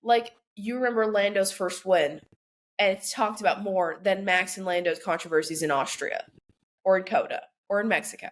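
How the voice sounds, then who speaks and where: A young woman co-hosting a casual podcast, chatty and opinionated, with lots of "like" fillers. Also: mid-range voice. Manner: chatty, full of "like" fillers, quick to vent. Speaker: podcast co-host. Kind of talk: casual chat.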